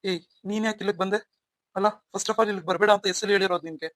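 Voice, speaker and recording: A woman voicing a young husband who is protective toward his wife and quick to anger at a rival, in a melodramatic audio story. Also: medium pitch, fairly even intonation, a bit bright, no echo, natural voice. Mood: angry.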